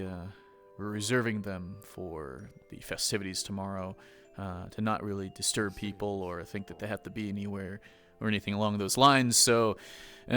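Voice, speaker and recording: A man playing a calm male academy professor in a role-play, explaining things in a measured, unhurried way. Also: fairly low pitch, close to an everyday voice.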